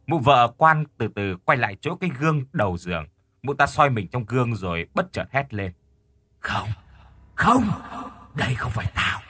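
A man telling a horror story with a lively, rising and falling delivery. His voice is bright and forceful with a husky grain, and soft music sits underneath. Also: mid-range voice, no room sound. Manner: expressive, dramatic storytelling.

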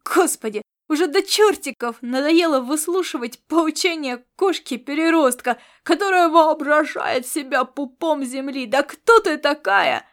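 Woman doing a hot-headed mercenary guy, defensive, raised voice, audiobook character, fairly high. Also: a little slow. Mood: angry. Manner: indignant, defensive, yelling back. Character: defensive hot-tempered male space mercenary.

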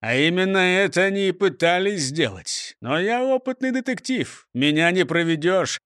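A man's voice: sits high, expressive, normal speed, fairly bright tone, no room sound, studio quality. A man voicing a pompous, boastful police chief who talks down to everyone. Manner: pompous, mocking.

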